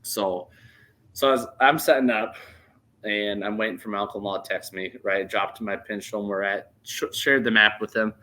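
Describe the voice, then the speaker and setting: A man in his thirties casually telling a hunting story on a podcast, animated and laughing as he goes. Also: on the low side, moderate pace. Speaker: podcast host.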